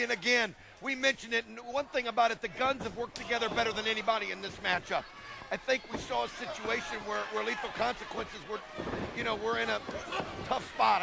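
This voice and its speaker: A man giving animated, emphatic, opinionated color commentary on live wrestling in a conversational way. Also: extremely high pitch, vocal fry. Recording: loud crowd and music behind. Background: arena crowd and music.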